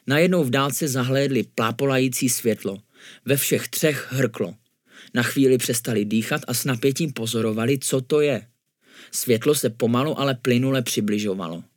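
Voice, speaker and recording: Man calmly narrating a spooky storybook. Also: medium pitch, no room sound, studio quality.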